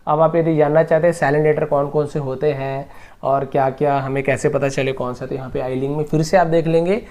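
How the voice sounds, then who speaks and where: A man teaching English grammar, patiently repeating each example slowly word by word. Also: a little high, steady tone, a little mellow. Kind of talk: explaining grammar lesson.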